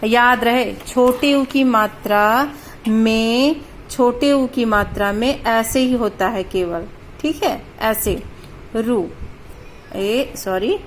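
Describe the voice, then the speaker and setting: Woman grammar teacher, slightly high voice, patient, sounds out letters slowly, faint background hiss. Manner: patient, repeats sounds slowly to demonstrate pronunciation; mixes in English words. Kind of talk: explaining at a board.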